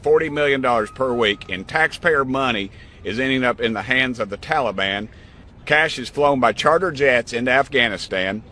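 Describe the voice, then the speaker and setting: A man's voice: mid-range voice, bright, forceful tone. A man giving indignant political commentary.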